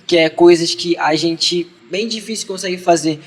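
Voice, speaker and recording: Earnest teenage Brazilian boy, high voice. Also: normal speed. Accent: Brazilian Portuguese. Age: teens. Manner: earnest, reads the Bible passage steadily then talks casually to peers. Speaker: youth church speaker. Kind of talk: youth devotional talk with scripture reading.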